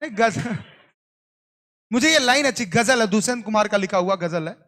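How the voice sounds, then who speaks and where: Speaking at normal speed, the male teacher has a high-pitched, animated voice that sounds pushed and bright. His coaching-class lecture is a stream of questions and repeated answers, with playful scolding aimed at students nodding off.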